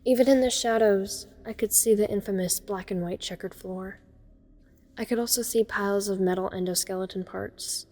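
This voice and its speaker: A woman voices a teenage girl narrating her own horror ordeal in a first-person dramatic audio story, observant and uneasy, with a wry, fond mood. Her medium-pitched voice is dark and close to everyday speech, with fairly even intonation at a moderate pace.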